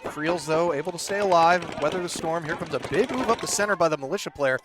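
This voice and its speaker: A man giving brisk play-by-play commentary at an outdoor paintball event, with easy laughs between calls. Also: on the high side. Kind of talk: live sports commentary. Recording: outdoor mic with loud ambient noise.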